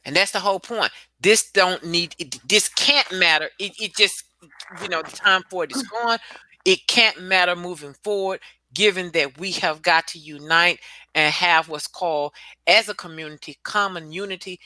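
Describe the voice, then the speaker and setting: A woman's voice: lowish voice, normal speed, sharp tone, no room sound. A woman speaking emphatically and bluntly in a casual discussion, repeating points and swearing for force.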